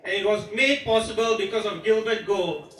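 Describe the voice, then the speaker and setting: At an outdoor protest rally, a Singaporean man gives a rousing, declamatory speech in a high voice at a normal pace, chuckling between points. An amateur recorder captured him from far off, so the audio is distant and echoey. A large crowd cheers loudly around him.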